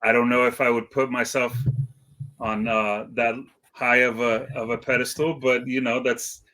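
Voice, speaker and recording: Guesting on a casual interview, a middle-aged man who left Iceland for California at age seven talks as a hip hop DJ in a rambling, slangy, hesitant and reflective way. His mid-range voice is level and sharp, at normal speed, on a rough recording.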